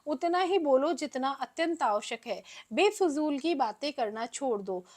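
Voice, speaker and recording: Woman reading a calm wise buddha giving teachings, high voice, steady. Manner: calm, instructive delivery.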